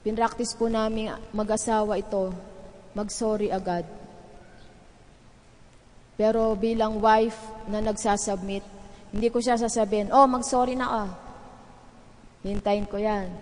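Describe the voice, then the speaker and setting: A woman's voice: mid-range voice, flat delivery, unhurried, pauses often, mellow. A middle-aged woman pastor, preaching an earnest sermon in a conversational way and turning to the congregation with asides. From Philippines. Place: large church sanctuary. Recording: echoey church hall reverb.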